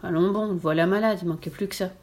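A woman's voice: on the low side, steady tone, fast, a little mellow, lightly acted. A woman reading a storybook, voicing an unlucky, lonely young woman who sighs and exclaims in frustration. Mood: exasperated. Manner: exclaiming, sighing.

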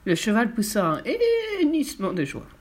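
A woman's voice: medium pitch, big pitch swings, normal speed. Woman reading a children's storybook. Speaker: audiobook reader.

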